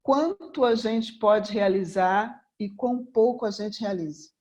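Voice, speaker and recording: A woman's voice: mid-range voice, unhurried, darkish tone. A Brazilian woman from Rio in her fifties, a mentor and therapist, giving an earnest motivational seminar talk and returning again and again to one rhetorical question. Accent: Brazilian Portuguese. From Rio de Janeiro, Brazil. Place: room before a live audience.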